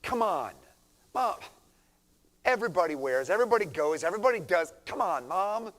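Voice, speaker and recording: A man putting on the voice of a whiny teenager pleading with his mom, higher and louder than his own voice. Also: animated, normal speed.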